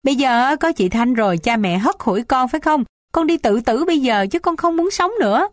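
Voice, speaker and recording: A woman's voice: expressive, a little slow, dry recording, studio quality. A woman voicing a defiant, spoiled young village daughter in an audiobook, sulky and petulant. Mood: tearful. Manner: sulky, petulant, high-pitched.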